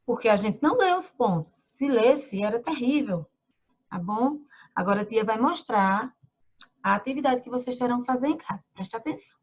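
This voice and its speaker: A woman from Brazil who teaches young children in a remote lesson. She reads slowly, names the punctuation marks aloud and asks the children questions. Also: on the high side, animated, dull audio.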